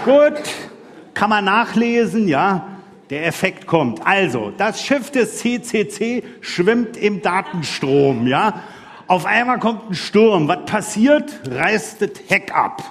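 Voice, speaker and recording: Playful man in a hall. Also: high voice. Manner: playful, chatty storyteller, chuckles often. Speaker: speaker at a live event. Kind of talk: anecdotal stage talk with props.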